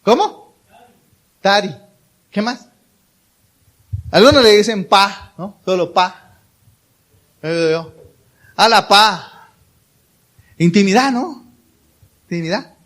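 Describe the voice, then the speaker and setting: A male pastor preaching a sermon in a church, speaking warmly and conversationally and putting questions to the congregation. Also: sits high, expressive, takes it slowly, pauses often. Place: church hall.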